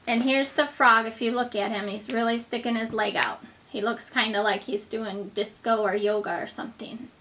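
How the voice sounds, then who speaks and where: A woman's voice: fairly high pitch, steady tone, moderate pace, hardly any pauses, bright, forceful tone, a little hiss or hum, poor audio. A woman reading a children's book aloud as a teacher to very young children, with simple explanations, questions and asides, as if reading to a toddler. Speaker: kindergarten teacher.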